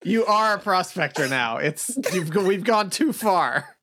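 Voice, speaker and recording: A woman's voice: fairly low pitch, lively intonation, measured pace, a bit bright. A woman playing a tabletop game, bantering casually and improvising narration.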